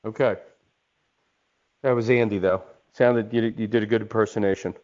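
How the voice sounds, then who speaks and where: A man's voice: on the low side, fairly even intonation, moderate pace, darkish tone. A man teaching an online webinar in a conversational way, often checking in with "okay?". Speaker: instructor. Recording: dull lo-fi webinar audio.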